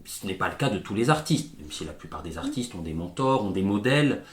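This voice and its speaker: Man, host, measured reflective questions, roomy echo. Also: on the low side, very animated. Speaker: interviewer and host. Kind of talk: conversational interview. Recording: echoey room.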